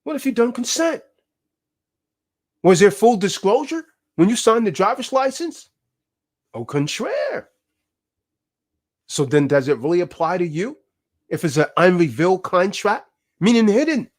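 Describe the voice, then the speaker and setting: A man's voice: high-pitched, sing-song, a little slow, long pauses. A man giving a fiery, preachy lecture, full of emphatic rhetorical questions. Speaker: speaker teaching about contracts.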